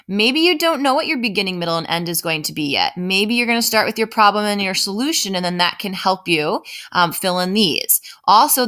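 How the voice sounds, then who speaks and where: Medium in pitch and sharp in tone, a woman who teaches elementary school writing talks through an informal lesson one step at a time. She thinks aloud and often checks in with "right?"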